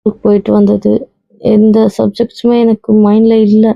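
Young actress as a subdued student; flat, gravelly, dark. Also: female voice, medium pitch, moderate pace, no room sound, muffled recording. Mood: upset. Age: young adult. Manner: subdued, apologetic. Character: young female medical student. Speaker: actor. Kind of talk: web series drama acting.

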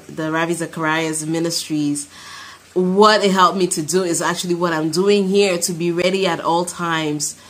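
A woman's voice: fairly low pitch, fairly bright tone. A woman in her thirties from Cameroon giving a heartfelt, emphatic personal testimony and prayer to camera. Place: small room indoors. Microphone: phone at arm's length.

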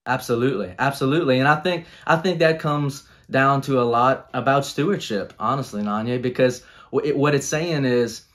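A man in his thirties, earnest and coaching in tone, talking about leadership on a video call from a small room at home. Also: medium pitch. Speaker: guest speaker on leadership.

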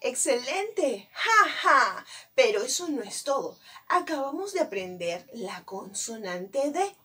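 A woman teaching a virtual class to young children, coaxing and animated as she talks straight to the child. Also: high-pitched, husky. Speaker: preschool teacher.

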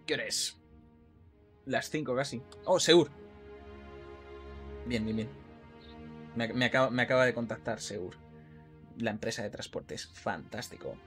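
A man's voice: medium pitch, measured pace, pauses often, fairly bright tone, faint music behind. A man with a Madrid Spanish accent giving casual, rambling commentary while streaming a game, full of self-mocking jokes. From Spain. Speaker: gaming streamer.

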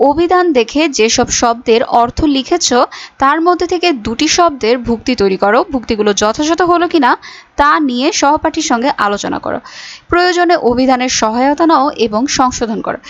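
High-voiced woman teacher, lo-fi audio. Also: lively intonation, brisk. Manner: explains step by step with fillers. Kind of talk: recorded school lesson. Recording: dull lo-fi audio.

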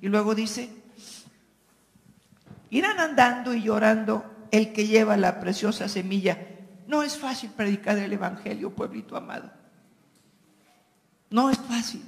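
Man preaching slow and passionate, loud pleas then hushed near-whispers, big echoey hall. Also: sits high, creaky. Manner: impassioned, swings from loud pleading to near whispers. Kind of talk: sermon with spoken prayer. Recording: long hall reverb.

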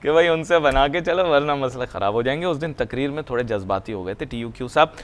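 A man's voice: mid-range voice, quick pace, slight background noise. A man hosting a studio business talk show, chatty, jumping in and telling anecdotes. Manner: chatty, jumps in, tells anecdotes. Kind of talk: studio discussion.

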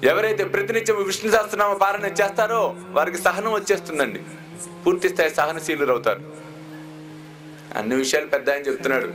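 A male spiritual teacher telling a devotional story in an animated, expressive sermon. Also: sits high, fast, long pauses, faint music behind. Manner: animated, switches into character voices.

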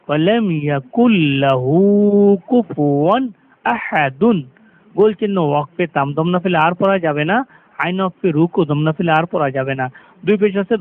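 A man teaching Quran recitation, explaining pronunciation rules step by step and slowly chanting the verses. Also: on the high side. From Bangladesh. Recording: tinny lo-fi phone-like sound.

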